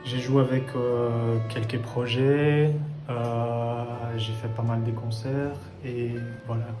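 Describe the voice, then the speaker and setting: A Brazilian jazz musician answers interview questions thoughtfully in a mid-range, level voice at a slow pace, often hesitating and restarting. The room is echoey, with faint music playing.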